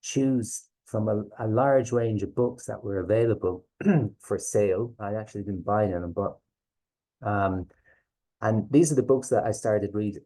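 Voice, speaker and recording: A man's voice: lowish voice, measured pace, mellow, low-quality recording. A man with a west of Ireland accent giving an informal presentation as a teacher, hesitant and often checking in with listeners. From Galway, west of Ireland. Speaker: teacher presenting a reading series.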